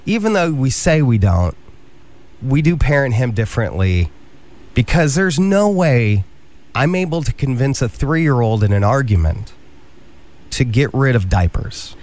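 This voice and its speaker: A man in his thirties hosts a morning radio show, talking in an easygoing, self-mocking way. His voice sits at an ordinary middle pitch, and he tells his stories casually. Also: sing-song, a little slow, darkish tone.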